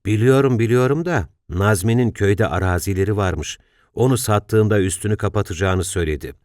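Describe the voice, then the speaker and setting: A worried, sighing older father, earnest and a little defensive, as read by a man in his own narrating voice. The voice sits very low. The audiobook sound is dry and close. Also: brisk, a little mellow, no room sound, lightly acted. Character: worried older father, retired civil servant.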